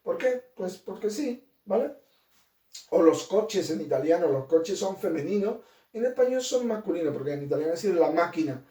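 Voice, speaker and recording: A man's voice: high-pitched, lively intonation, moderate pace, mellow, far from the mic. A man giving a grammar lesson, asking rhetorical questions and checking in with his students. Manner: explains with many examples and rhetorical questions; checks in with "¿vale?" and "¿de acuerdo?". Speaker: teacher. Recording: roomy, from away from the mic.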